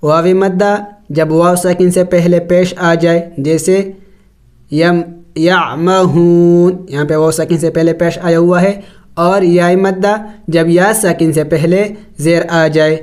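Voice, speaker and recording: A man teaching Quran recitation rules, spelling out letters and vowels slowly and then explaining each rule at a brisk pace. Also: a little high, steady tone, a little mellow. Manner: drawn-out melodic recitation of verses. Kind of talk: step-by-step tajweed lesson.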